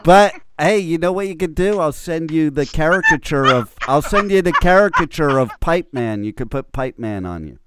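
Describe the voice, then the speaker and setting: A man's voice: fairly high pitch, lively intonation, moderate pace, hardly any pauses, noisy background. A man co-hosting a radio show, teasing his co-hosts with crude jokes and blunt opinions. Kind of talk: crude banter on morning radio.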